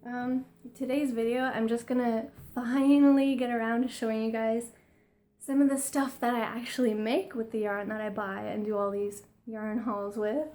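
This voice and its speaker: A young woman with a slightly high voice talks in a chatty, excitable way. She sounds a little out of breath and fills her pauses with ums as she runs through a casual show-and-tell. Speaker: crochet vlogger. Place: home room lit by daylight.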